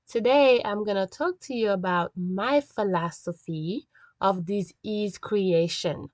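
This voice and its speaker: A middle-aged woman hosting a health podcast solo, talking emphatically and deliberately while crammed in a small closet without her usual mic. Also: mid-range voice, no room sound. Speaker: podcast host and functional medicine doctor. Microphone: makeshift, without the usual microphone.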